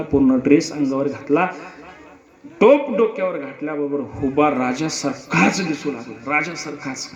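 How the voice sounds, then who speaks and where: A man telling a dramatic historical story emphatically, with repeated lines and rhetorical questions. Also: a little high. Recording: echoey, muffled hall recording.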